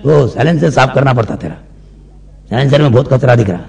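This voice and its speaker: A man voicing a gruff mechanic who acts as a doctor, speaking in a low, rough drawl. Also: fast, a little mellow, lightly acted.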